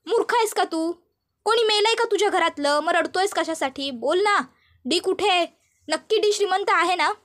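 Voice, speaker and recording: Lady putting on a bratty young woman, loud high voice, nagging nonstop. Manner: shrill, rapid, demanding questions. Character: spoiled young woman, frantic and demanding.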